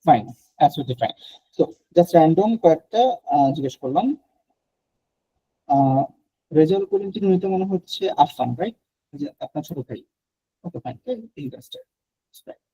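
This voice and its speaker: A man's voice: a little high, lively intonation, unhurried, pauses often, mellow, slightly rough, no room sound, dull audio. A man from Bangladesh teaching a French class online, explaining patiently and mixing in English phrases.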